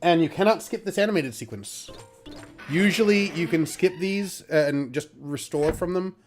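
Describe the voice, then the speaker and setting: With faint music behind him, a man with a fairly high voice talks at normal speed through a casual game playthrough. As host, he reads the game text aloud, and his commentary is loose, full of fillers, with an occasional mild swear.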